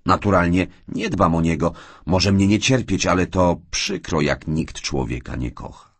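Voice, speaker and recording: A man reading an audiobook and voicing a shy, tearful young orphaned woman in a raised, soft voice. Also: low-pitched, normal speed, breathy edge, no echo. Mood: hurt, tearful.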